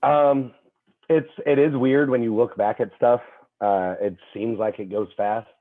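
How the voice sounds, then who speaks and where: A young man, a fitness trainer appearing as a podcast guest, telling stories in an animated way, full of fillers and restarts. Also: medium pitch, measured pace. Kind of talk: casual chat. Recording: tinny phone-like call audio.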